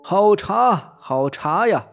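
A man's voice: a little high, lively intonation, measured pace, darkish tone, faint music behind. A man voicing an irritable wealthy household master who talks in a commanding, impatient way.

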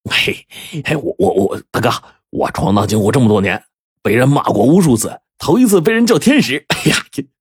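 A man's voice: lowish voice, wildly swooping pitch, a little fast, husky, no echo, clean studio sound, full character voice. A man doing a stammering, sheepish henchman. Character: rough but soft-hearted henchman.

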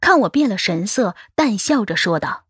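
A woman's voice: mid-range voice, big pitch swings, normal speed, breathy edge, dry recording, clean studio sound. A woman narrating a first-person novel as an audiobook, in a wistful, emotive storytelling manner.

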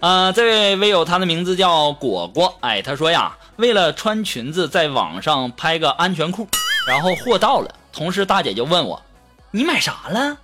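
Animated male joke-show host. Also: on the high side, moderate pace. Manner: lively storyteller, acts out quoted lines. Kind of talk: comedic joke-reading radio show. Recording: music bed behind voice.

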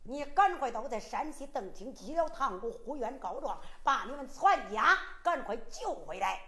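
Storytelling role: a hot-tempered Henan boatman, emphatic and scolding, a woman doing it, voiced high with big swings. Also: very animated, normal speed, fairly bright tone. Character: blunt righteous middle-aged boatman, fiery temper.

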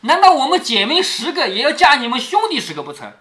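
A man reading out the lines of a proud, sharp-tongued young woman in a classic novel, in a read-aloud storybook style. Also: very high voice, big pitch swings, quick pace, pitched above the performer's own voice, exaggerated voice. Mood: scornful.

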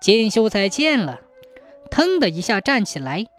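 A woman narrating a folk tale in a lively, expressive storytelling manner. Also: medium pitch, a little slow, faint music behind.

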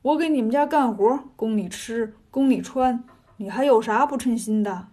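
A woman's voice: fairly high pitch, normal speed, mellow, natural voice. A woman voicing a clumsy male pig monster who coaxes, boasts and grumbles in a folksy way. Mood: grumbling.

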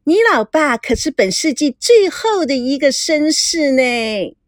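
A vain, coquettish lady who swoops up high in a shrill, affected sing-song, put on by a woman reading a storybook. She fusses and gushes over everything, and the voice is dry and close. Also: very animated, a little slow, dry recording. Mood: gushing. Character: flamboyant middle-aged woman, showy and coquettish.

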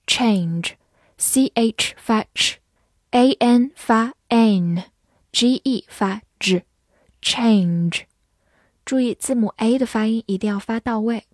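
A woman teaching English vocabulary, who spells words letter by letter and reads example sentences slowly. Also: a little high, a little mellow, no room sound, clean studio sound. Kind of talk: vocabulary lesson.

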